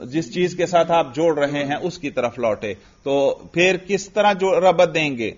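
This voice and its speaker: A man's voice: on the high side, lively intonation, dull audio. Man drilling a grammar lesson. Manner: questions students and answers himself, drills step by step. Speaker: Arabic grammar teacher.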